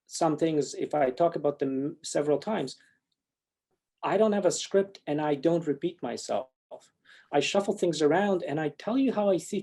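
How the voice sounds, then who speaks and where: A man's voice: fairly high pitch, vocal fry, mellow. A man from Poland giving a talk and answering audience questions, reflective and wry, with frequent restarts.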